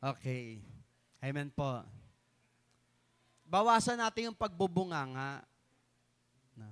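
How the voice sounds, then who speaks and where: A middle-aged pastor from the Philippines preaching a live sermon to his congregation, often asking "no?" and stretching key words slowly for emphasis. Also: a little high, fairly bright tone, clean tone. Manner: keeps adding tag questions "no?" to the congregation. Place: church hall.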